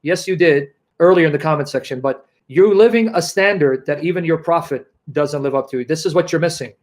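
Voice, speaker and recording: A man's voice: fairly high pitch, brisk. A man in a heated online debate, talking in a combative, mocking and insistent way.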